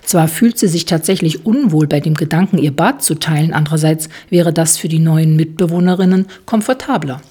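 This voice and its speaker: A woman reads a novel aloud in calm, measured narration. Her voice is low, breathy and a little husky. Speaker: audiobook narrator. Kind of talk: scripted narration.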